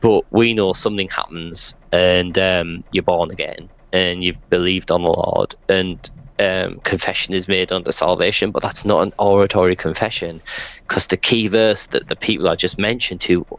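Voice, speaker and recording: A man's voice: sits low, steady tone, normal speed, a bit bright, muffled recording. A middle-aged man telling stories in a casual, rambling but emphatic way over a headset on a video call. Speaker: street evangelist being interviewed. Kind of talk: casual conversational storytelling. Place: small room at home, video call. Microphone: headset microphone.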